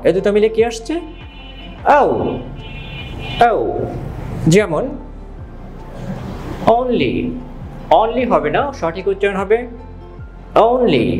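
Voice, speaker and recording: A man with a Bengali accent teaching English pronunciation, repeating each example word several times and answering his own questions. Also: sits high. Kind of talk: slow, repetitive pronunciation lesson.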